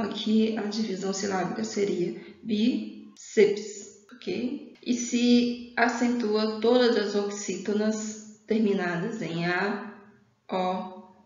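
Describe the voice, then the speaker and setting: A woman's voice: medium pitch, darkish tone. A woman teacher explaining grammar, often repeating herself and checking in with "ok?". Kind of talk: grammar lesson. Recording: very echoey room, dull lo-fi sound.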